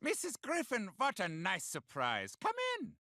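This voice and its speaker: An actor playing a sinister, courtly German puppeteer in an animated sitcom, formal and theatrically polite with a German accent. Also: male voice, sits high, a little slow, gravelly, dry recording, studio quality, full character voice. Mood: courtly, cheerful.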